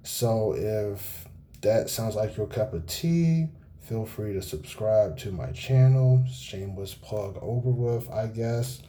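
A nineteen-year-old man hosting a casual solo podcast, talking in a laid-back monotone with many fillers and pauses, recorded on a cell phone. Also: fairly low pitch. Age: young adult. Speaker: podcast host.

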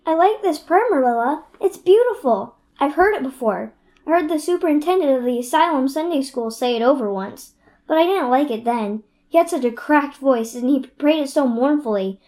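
A fiery, imaginative orphan girl with a high, bright voice, as a young woman plays her. She gushes dreamily, then flares into shouting rage in a radio play. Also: lively intonation, normal speed. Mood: dreamy. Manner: dreamy then explosively furious.

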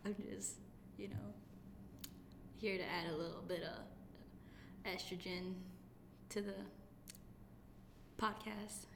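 A woman's voice: lowish voice, steady tone, takes it slowly, vocal fry, pauses often. A young woman co-hosting a podcast in offhand, playful casual chat, recorded in an echoey study room. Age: young adult. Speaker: podcast co-host. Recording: echoey room with background noise.

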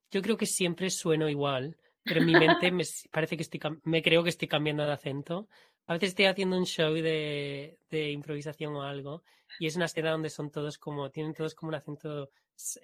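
A man with a Spain Spanish accent co-hosting a podcast, joking about himself with playful, animated bursts. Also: fairly high pitch. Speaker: podcast co-host. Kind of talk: casual chat.

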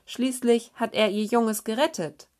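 A woman's voice: on the high side, fairly even intonation, unhurried, darkish tone, pitched above the performer's own voice, lightly acted. A woman voicing an earnest female seal who explains things carefully.

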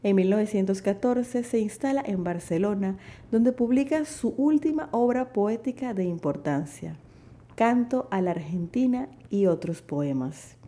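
A woman presenting a poetry podcast as scripted narration, in a formal, measured manner. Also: mid-range voice, expressive, mellow. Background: background music.

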